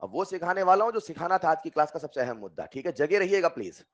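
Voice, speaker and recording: A man teaching chemistry in an online class, coaxing his students with repeated questions and bursting into loud emphasis. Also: a little high, very animated, quick pace. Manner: coaxing, repeats questions to students, calls them dear children. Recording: dull lo-fi sound.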